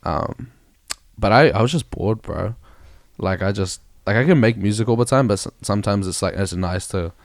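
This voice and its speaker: Laid-back young New Zealand guy, low gravelly voice. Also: expressive, normal speed, no echo, studio quality. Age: young adult. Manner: laid-back slangy talk, says bro a lot. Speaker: rapper guest. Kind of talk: casual interview chat.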